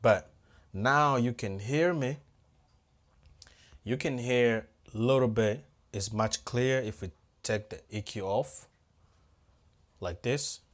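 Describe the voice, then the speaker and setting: A man's voice: medium pitch, slow, pauses often. A man giving a hands-on audio tutorial, talking casually to viewers and thinking aloud as he adjusts the equipment. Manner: talks straight to viewers as "guys". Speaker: audio-visual technician.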